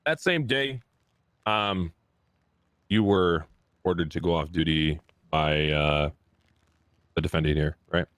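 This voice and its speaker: Deep-voiced man questioning a witness. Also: fairly bright tone, no room sound, clean studio sound. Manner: halting, with fillers. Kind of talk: courtroom roleplay questioning.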